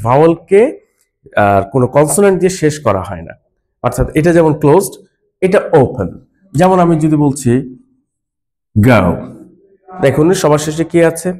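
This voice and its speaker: A man's voice: a little high, darkish tone. A man teaching an English phonics lesson, patiently explaining and spelling out words letter by letter.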